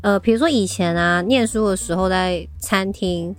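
A woman's voice: medium pitch, moderate pace. A woman, co-hosting a casual talk show and telling stories with animation and frequent laughs. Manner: animated storytelling, often laughing. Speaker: podcast co-host. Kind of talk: casual chat.

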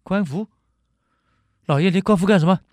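A man's voice: sits high, moderate pace, darkish tone, no room sound, studio quality, voice pushed up, natural voice. A man voicing a nagging ancient wife who scolds her husband with pointed, complaining questions.

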